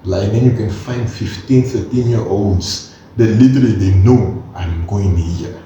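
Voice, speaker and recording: Heard from a distance in an echoey room with dull sound, a man of twenty-one co-hosts a casual chat. His fairly low voice keeps a measured pace over slight background noise as he earnestly, animatedly lays out his point, dropping in slang.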